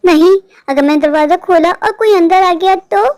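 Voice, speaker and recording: A woman doing a high, anxious young sister. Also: moderate pace, a little mellow. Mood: scared. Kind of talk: animated horror story voice acting.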